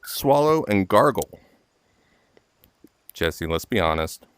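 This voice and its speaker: Hosting a casual golf game with friends, a man trades gaming banter, tells crude jokes and laughs often. His voice sits low with a clean tone.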